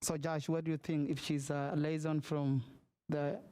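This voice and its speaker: A man from Somalia, chairing a meeting over a video call in halting, word-searching English. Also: fairly high pitch, little pitch movement, warm tone, clear, resonant tone. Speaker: commission chair.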